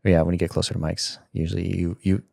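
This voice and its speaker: His low voice is gravelly yet a little mellow, level in tone and quick in pace. The man, a content creator in his 30s, is a casual interview guest who meanders, starts over mid-sentence, and laughs a lot, using a studio mic with headphones.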